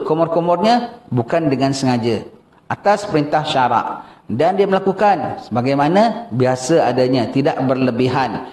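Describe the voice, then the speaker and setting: An older man with a Malaysian Malay accent giving a lively religious lecture, questioning his listeners. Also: a little high. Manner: animated, questions the audience, acts out askers. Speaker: religious teacher. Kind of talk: mosque lecture on fasting rules. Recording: echoey room.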